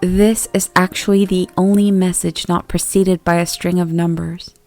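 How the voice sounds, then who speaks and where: A woman with a fairly low voice narrates a creepypasta from a script. Her reading is measured and deliberate. Faint music plays behind her. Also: little pitch movement, a little mellow. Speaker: horror story narrator.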